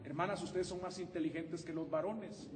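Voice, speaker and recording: High-voiced man preaching in echoey hall. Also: moderate pace, far from the mic, very noisy. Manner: animated and humorous, acting out husband-wife exchanges. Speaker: pastor. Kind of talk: sermon. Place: church sanctuary.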